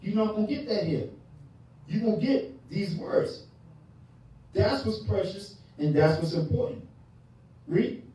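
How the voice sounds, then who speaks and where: A man teaching scripture in a call-and-response style, pressing the class with questions and repeating key words. His voice is mellow and somewhat high, and it sounds distant in a very echoey hall. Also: lively intonation, measured pace, pauses often. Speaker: teacher leading Bible class. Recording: echoey room from far off.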